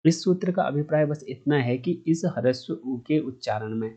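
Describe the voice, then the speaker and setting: A man's voice: mid-range voice, expressive, normal speed, warm tone. A man teaching Sanskrit grammar online. He explains step by step, asks himself questions and answers them, and stretches vowel sounds to show their length.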